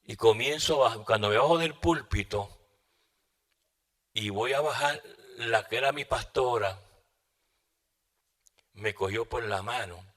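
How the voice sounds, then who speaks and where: A man preaching a sermon, telling a testimony dramatically and moving between loud bursts and hushed asides. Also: medium pitch, takes it slowly, long pauses.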